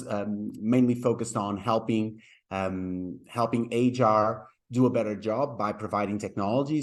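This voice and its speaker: A man's voice: on the low side, darkish tone. Man, friendly and stumbling. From Portugal. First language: Portuguese. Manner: friendly, repeats words as he searches for phrasing. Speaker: startup co-founder guest. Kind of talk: interview on a video call. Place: home room by a large window. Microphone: webcam on a video call.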